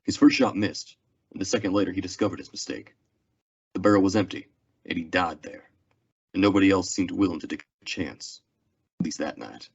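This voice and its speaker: Playing a tired, blunt Old West marshal for a school radio drama, this young actor narrates grimly in an exaggerated, husky, creaky voice that sits low. He speaks briskly but pauses often, and the radio-play recording is dull and lo-fi.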